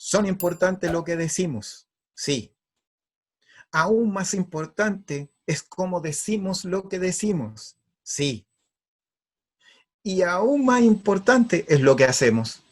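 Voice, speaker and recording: A man's voice: sits high, lively intonation, takes it slowly. A man giving an earnest, emphatic spiritual talk. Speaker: spiritual speaker.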